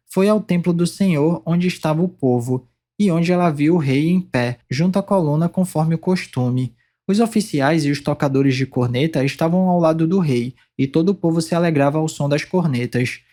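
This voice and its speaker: A man reading Bible scripture aloud in a steady, measured way, pausing between phrases. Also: on the high side. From Brazil. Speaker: Bible reader.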